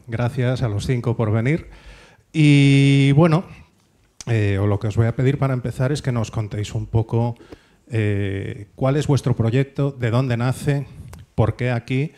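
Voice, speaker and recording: Guy moderating a round table, dark mellow tone, calm and measured, little pauses here and there. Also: mid-range voice. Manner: measured, introduces guests with soft hesitations. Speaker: moderator of a panel discussion.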